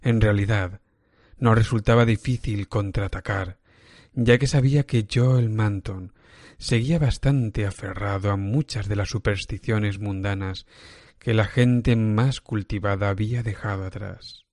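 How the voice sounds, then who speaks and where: A man with a somewhat low voice reads a horror tale as scripted narration. His delivery is measured and deliberate. The recording is dry and close, with no room sound. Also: fairly even intonation, a little mellow, no echo. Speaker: narrator reading a horror story.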